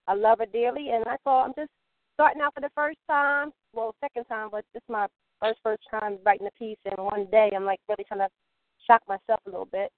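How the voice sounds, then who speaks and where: A woman's voice: a little high, no echo. A woman caller on speakerphone whose phone line keeps breaking up. She chats in an easy, slightly unsure way and laughs a little as she introduces herself. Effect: on speakerphone over a phone line, breaking up. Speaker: caller to a poetry show. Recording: tinny call-in phone line, dry.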